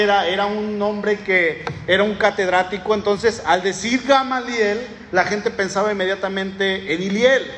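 Delivering a Bible-teaching sermon in a storytelling, conversational manner, the man often restarts his thoughts. He has a Mexican Spanish accent and a high-pitched, fairly bright voice. The audio carries slight background noise and faint ambience, with the long reverb of an echoey hall.

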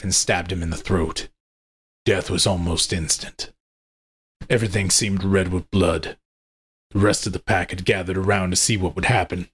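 A man narrating a first-person story in a steady, measured way. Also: sits low, slightly rough.

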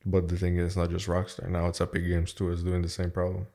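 A man's voice: low-pitched, monotone, fast talker, gravelly, dark tone. A man hosts a casual podcast. He talks like one of the bros, full of slang and loose swearing. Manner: slangy, swearing, bro-like banter. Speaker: podcast host.

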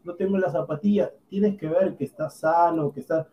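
A man's voice: a little high, fairly even intonation, moderate pace, highs cut off. A man with a Peruvian accent co-hosting a casual talk show, giving opinions emphatically and repeating himself.

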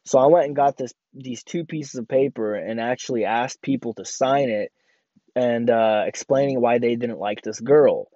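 Young male podcaster born in Ukraine, rambling personal monologue, mellow tone, dry close sound. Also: medium pitch, moderate pace, no echo, highs cut off. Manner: rambling, many fillers and restarts. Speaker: podcast host.

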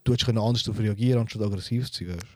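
A man's voice: on the low side, very fast, warm tone, no room sound, clean studio sound. A Swiss German man, a podcast co-host, earnestly arguing his point in casual chat.

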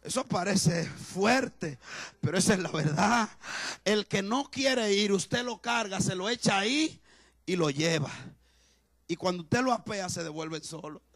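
A male pastor preaching a sermon with passion, swinging between shouts and hushed, quiet talk. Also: high voice, a little slow, no room sound.

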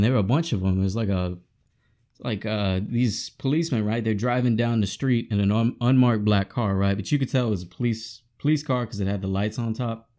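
A man's voice: mid-range voice, dark tone. A frustrated man ranting with heavy profanity to his audience in a casual vlog. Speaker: vlogger. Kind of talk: profane angry rant.

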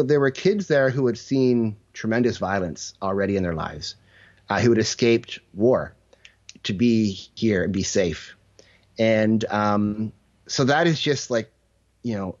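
A man appears as an interview guest, a leadership mentor, and tells anecdotes in a relaxed, conversational way, acting out bits of quoted dialogue. His voice is mid-range and the sound is lo-fi.

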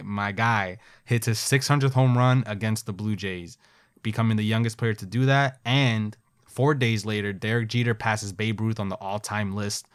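A man's voice: on the low side, clean tone. A man co-hosting a podcast, reading off baseball stats in casual sports chat with offhand asides and self-corrections. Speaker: podcast co-host.

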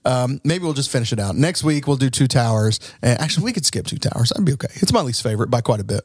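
A man's voice: mid-range voice, lively intonation, fast, breathy edge. A man hosting a podcast, talking in an easygoing, chatty way with lots of fillers. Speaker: podcast host. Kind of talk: casual chat.

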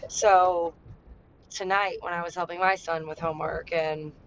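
A woman's voice: steady tone, unhurried. A woman talking candidly as a podcast host, rambling with lots of "like" and "you know", blunt and freely swearing. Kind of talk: candid personal monologue. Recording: muffled lo-fi with faint vehicle rumble.

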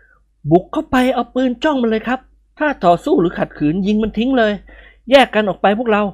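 A reader voicing a bold young soldier giving brisk, commanding orders in an audiobook. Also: medium pitch, expressive, lo-fi sound, voice pushed up, close to an everyday voice.

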